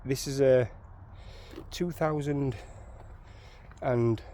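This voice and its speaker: A warm, mid-range voice with fairly even intonation comes from a Sheffield man explaining his van repair very slowly. Shot outdoors on a handheld phone with a little hiss or hum, his casual walkthrough is rambling and repetitive.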